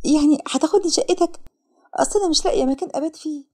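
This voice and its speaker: A woman's voice: sits high, quick pace, mellow, pitched above the performer's own voice, natural voice. A woman voicing a frightened, poor young woman with an Egyptian accent, pleading and tearful in a storybook narration. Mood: grateful. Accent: Egyptian Arabic.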